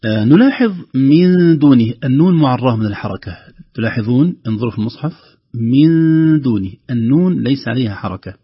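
A man teaching the rules of Quran recitation, calmly explaining each rule and then slowly chanting the example phrases. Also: medium pitch, husky, highs cut off. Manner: calm explaining, with slow drawn-out recited examples. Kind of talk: tajweed lesson with recited examples.

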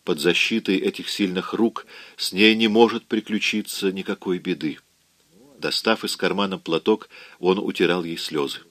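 Low-voiced male audiobook narrator. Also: moderate pace, a bit bright, no room sound. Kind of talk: scripted narration.

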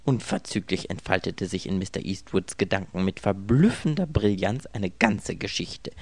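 A man reading a story aloud as its narrator, telling it in a wry, expressive way. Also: low voice, moderate pace, no room sound. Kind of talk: scripted audiobook narration.

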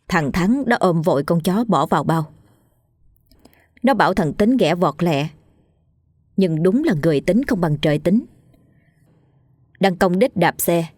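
A woman's voice: on the low side, darkish tone, no echo. A woman narrating a ghost story in a vivid, colloquial storytelling manner. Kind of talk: scripted horror story reading.

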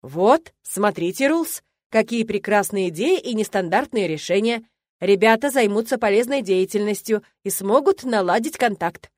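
A woman's voice: mid-range voice, expressive, moderate pace, darkish tone, no echo, natural voice. A woman voicing a weary, stern male academy rector who speaks in a commanding way.

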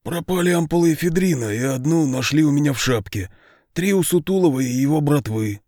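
A sniveling, cowardly prison orderly, voiced by a male reader, whining in a high, shrill register. He pleads and wails in a lively, swinging pitch. The audiobook sound is dry and close. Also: fairly quick, no room sound. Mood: pleading.

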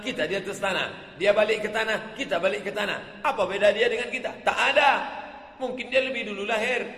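A man's voice: high-pitched, sharp tone. A man preaching an Islamic sermon, emphatic and rhythmic, building repeated phrases into crescendos. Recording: echoey hall with long reverb.

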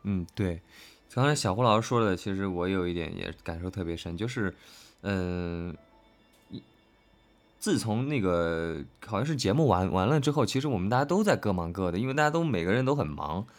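This voice actor's low-pitched voice is expressive and brisk. He reads questions and answers them in an informal, unscripted interview chat, thinking aloud and repeating phrases often.

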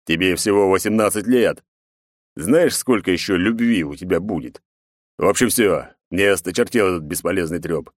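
A man voicing a gruff, commanding middle-aged emperor and father in an audiobook. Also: deep voice, moderate pace, dry recording, clean studio sound. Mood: stern.

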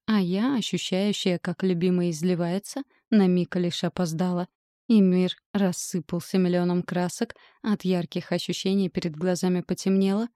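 A woman reads a first-person audiobook in a wry, steady voice. Her tone is low and mellow. The sound is close and dry. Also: dry recording. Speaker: audiobook narrator.

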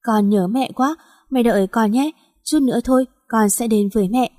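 A heartbroken young woman in despair, as a woman reads her in a storybook, tearful and pleading. The tone is mellow and dark. A long hall reverb hangs behind the voice. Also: on the high side, moderate pace, studio quality, close to an everyday voice. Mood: grieving.

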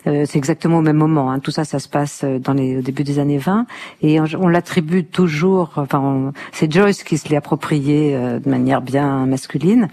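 Radio interview guest, mellow, warm, enthusiastic, searching for words, studio. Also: medium pitch, moderate pace. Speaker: guest speaker on literature.

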